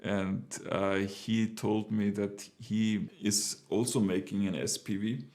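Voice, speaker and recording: A man's voice: on the low side, flat delivery, takes it slowly, a little mellow. A middle-aged man with a German accent telling a personal business story in a casual, hesitant way, with many fillers and restarts. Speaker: entrepreneur sharing his experience.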